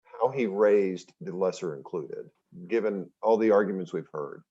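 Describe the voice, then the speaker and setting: A man's voice: sits low, moderate pace, mellow, slightly rough. A man speaking as an appellate judge, questioning counsel from the bench, in dull, muffled courtroom audio.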